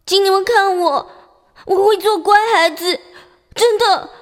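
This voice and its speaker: A woman's voice: very high voice, extremely slow, dark tone, big-room sound, full character voice. A woman playing a plain, lonely orphan girl who longs to be adopted, talking in a sulky, pleading way. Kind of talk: audio drama acting.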